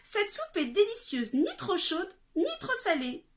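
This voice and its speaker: A woman's voice: sing-song, measured pace, full character voice. Goldilocks, a woman doing a sing-song little girl. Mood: fussy delighted. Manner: high, sing-song exclamations.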